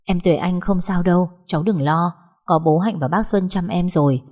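A woman voicing a kind middle-aged housemaid who talks gently and soothingly. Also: lowish voice, normal speed, lightly acted.

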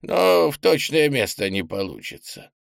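A man voicing an old, powerful ghost spirit who speaks slowly and wearily, with subdued sighs. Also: mid-range voice, sing-song, gravelly, no room sound, studio quality, voice pushed up, heavily acted. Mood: weary.

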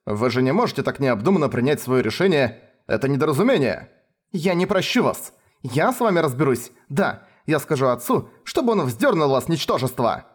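A man reading a story, putting on a haughty young noblewoman, a count's daughter who is quick to anger. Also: animated, natural voice. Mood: furious. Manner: raised pitch, indignant and shrill when angry.

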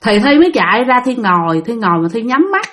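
Animated woman storyteller. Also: fairly high pitch, fast talker. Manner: animated, exclaims often, refers to herself by name. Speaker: storyteller of spiritual experiences. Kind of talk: casual first-person storytelling.

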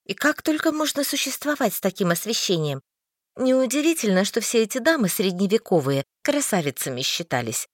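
A woman reads first-person fiction with a wry, expressive delivery. Her voice rises and falls a great deal. The recording is dry and close, with no room behind it. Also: mid-range voice, a little fast, no room sound. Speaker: audiobook narrator.

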